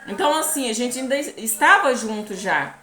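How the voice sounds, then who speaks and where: A woman with a Brazilian Portuguese accent telling her own life story in a halting, earnest way, often checking that the listener follows. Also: a little high, animated, pushed and bright, roomy sound. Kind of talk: personal testimony to camera.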